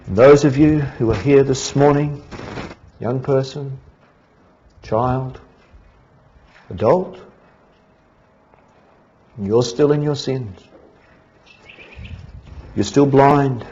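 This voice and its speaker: A man with an Australian accent preaching a sermon as pastor in a church, earnest and pleading, dropping to a hush and then rising again. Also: medium pitch, drawn-out words, pauses often. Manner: earnest, pleading, swings from hushed to raised. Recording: dull lo-fi church recording.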